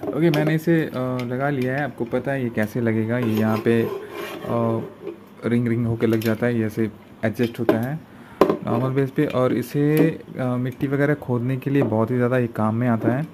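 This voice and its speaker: A young vlogger unboxes camping gear at an indoor table, holding a phone camera pointed down at it. His mid-pitched voice is hesitant, full of fillers, frequent pauses, and restarted lines. The noisy phone recording carries a constant room hiss beneath him.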